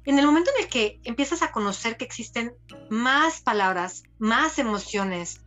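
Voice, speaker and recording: A woman's voice: a little high, normal speed, faint music behind. A woman, talking as a podcast guest and acting out the voices of people she quotes. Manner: expressive, acts out quoted voices. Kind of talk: podcast conversation.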